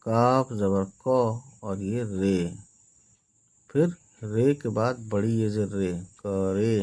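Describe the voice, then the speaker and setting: A man's voice: lowish voice, mellow. A man teaching beginners to read, spelling each word letter by letter and reassuring often that it is easy. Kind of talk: slow spelled-out reading lesson.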